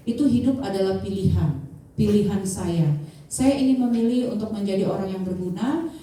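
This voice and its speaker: A woman's voice: mid-range voice, a little hiss or hum. Woman around fifty speaking in an echoey hall. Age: 50s. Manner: chatty, warm-up questions to the crowd, many fillers. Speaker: insurance agent giving a sharing talk. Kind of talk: motivational speech to an audience. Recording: distant mic, heavy room echo.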